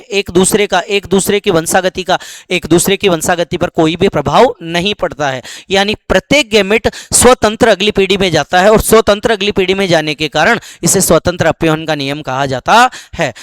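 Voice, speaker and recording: A man's voice: fairly high pitch, clean tone, no echo. A man teaching a biology lesson for exams, explaining step by step and answering his own questions, giving each English term with its Hindi equivalent. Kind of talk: exam-focused biology lesson.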